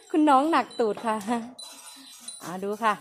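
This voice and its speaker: A woman's voice: high-pitched, very animated, slow, slight background noise. A woman, chatting and teasing as she narrates outdoors. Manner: chatty, teasing, polite particles. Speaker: vlogger narrating elephant calves. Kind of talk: casual on-the-spot commentary. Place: outdoors at an animal pen.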